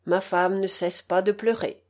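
A woman's voice: mid-range voice, fairly even intonation, unhurried, a little mellow, close to an everyday voice. A woman reading aloud voices a worried middle-aged innkeeper father, in a plain and earnest tone.

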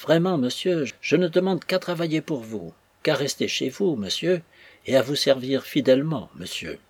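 A man's voice: mid-range voice, lively intonation, moderate pace, slightly rough, dry recording. A timid pleading servant boy, as a man reads him. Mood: pleading, submissive. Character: timid servile young male knife-grinder, fearful and pleading.

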